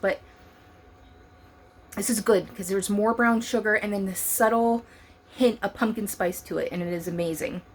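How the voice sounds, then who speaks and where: In her home cooking vlog, a young woman who makes food content samples her own baking and chats enthusiastically, still talking as she chews. Her voice is mid-range, with slight background noise.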